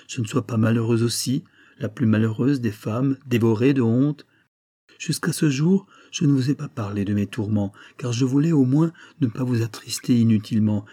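A man's voice: medium pitch, warm tone, no echo, clean studio sound, lightly acted. A man voicing a guilt-torn married woman pleading with her young lover, in an impassioned, tremulous way.

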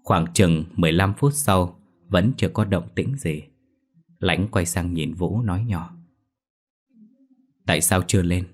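A man narrating a ghost story in a steady, measured reading. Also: low-pitched, breathy edge.

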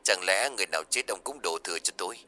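A man's voice: expressive, racing, bright, forceful tone, faint music behind, exaggerated voice. A man playing a curt, cold sorcerer. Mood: dismissive. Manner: curt, dismissive, low-voiced. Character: cold, irritable male sorcerer.

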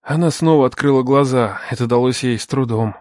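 Brief: male narrator, mid-pitched, reading a tense thriller audiobook, dry close sound. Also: brisk, no room sound. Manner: tense first-person narration, shouting dialogue lines.

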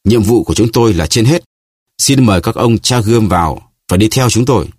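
A man's voice: fairly low pitch, a little fast, slightly rough, no room sound, clean studio sound, voice pushed up. A man voicing a barking guard captain. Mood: commanding. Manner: barking orders, officious. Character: haughty male guard captain, commanding.

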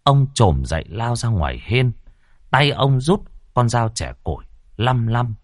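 A man's voice: mid-range voice, big pitch swings, unhurried, no echo, clean studio sound. A man narrating a ghost story with dramatic suspense.

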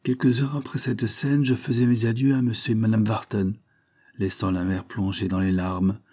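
A man reading a classic literary story aloud in a measured, storytelling manner. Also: fairly low pitch, flat delivery, dark tone. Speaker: audiobook reader. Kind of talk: scripted narration of a 19th-century story.

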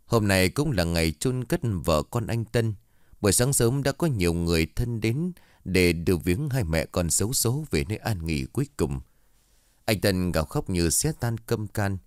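Male storyteller for horror narration, very low voice, dry close recording, steady delivery. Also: normal speed, clear, resonant tone, dry recording. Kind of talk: scripted narration of a horror tale.

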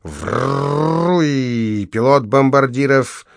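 A man voicing an elderly mother who plays bomber pilot, shrill and gleeful, with noisy sound effects. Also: drawn-out words, vocal fry, no room sound, clean studio sound.

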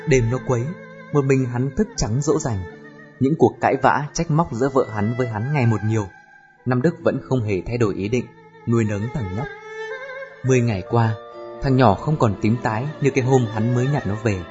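A man narrating an audiobook in a steady storytelling voice. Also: mid-range voice, moderate pace. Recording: dull lo-fi recording with music.

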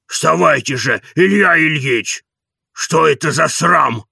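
Guy doing old grumpy servant voice, raspy and slow, nagging away. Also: mid-range voice, bright, forceful tone, no echo, clean studio sound, full character voice. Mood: grumbling. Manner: coaxing and scolding, folksy. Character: old grumbling male manservant, stubborn.

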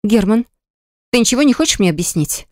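Reader doing a squeaky young woman, high and shrill, close to crying, dry clean audiobook sound. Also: lively intonation, a little fast, a little mellow, no room sound, close to an everyday voice. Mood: bewildered. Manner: high, squeaky, on the verge of tears. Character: shrill, shocked young woman, office boss's wife.

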